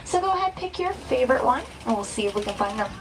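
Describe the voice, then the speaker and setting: A woman's voice: fairly high pitch, big pitch swings, fast talker, poor audio. A woman from Texas working as a safari guide, giving welcoming scripted tour narration to riders on a truck. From Dallas, Texas. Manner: welcoming, addresses riders as friends. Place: outdoor open safari truck.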